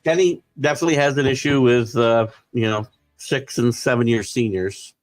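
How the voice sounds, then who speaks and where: A male host of a live sports talk show, giving opinionated commentary that keeps building into excited rants. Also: mid-range voice, normal speed, no room sound, soft background music.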